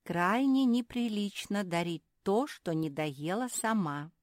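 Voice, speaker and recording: A woman's voice: on the low side, expressive, a little slow, dry recording, studio quality, voice pushed up. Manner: prim. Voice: woman doing a proper, reproachful dog.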